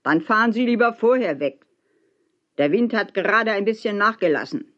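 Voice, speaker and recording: A woman voicing a stubborn, loud old bargeman who talks in a blunt, grumbling way. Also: mid-range voice, animated, moderate pace, lo-fi sound. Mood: bellowing.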